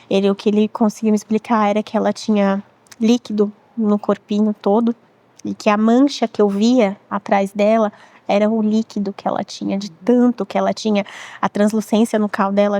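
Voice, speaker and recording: A woman in her thirties with a Brazilian Portuguese accent, telling a painful personal story as a guest in a measured, reflective way, often quoting her own past words. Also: mid-range voice, warm tone, no echo. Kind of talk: emotional personal testimony.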